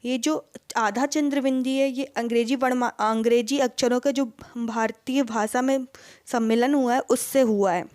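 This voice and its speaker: Lady teacher doing an exam prep lesson, higher voice, dry close sound, asks then answers her own questions. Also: steady tone, normal speed, a little mellow, no echo. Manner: asks students questions and answers them herself. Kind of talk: exam-prep lesson, Hindi mixed with English words.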